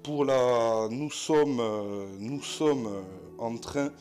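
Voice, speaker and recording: A man's voice: medium pitch, drawn-out words, darkish tone, soft background music. A man with a southwest French accent, narrating a solo board game in a chatty way, full of fillers. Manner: chatty, many fillers, addresses viewers as friends.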